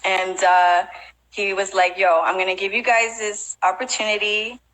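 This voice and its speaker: A young woman as a guest in a casual interview, talking relaxed with lots of fillers and frequent laughs. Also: medium pitch, moderate pace, low-quality recording. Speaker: guest, breaking event organizer.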